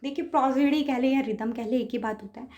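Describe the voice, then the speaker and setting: A woman teacher lectures patiently, sounding out example words and breaking each idea into steps. Her voice sits a little high. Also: fast, darkish tone, muffled recording. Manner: patient, explains step by step with spoken examples. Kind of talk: lecture on speech, mixing Hindi and English terms.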